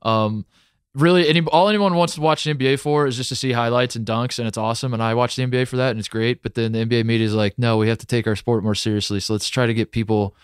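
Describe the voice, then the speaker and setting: Fast-talking, blunt podcast co-host man. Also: mid-range voice, fairly even intonation, clear, resonant tone, no echo, clean studio sound. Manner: blunt, skeptical, swears freely. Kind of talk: casual podcast chat.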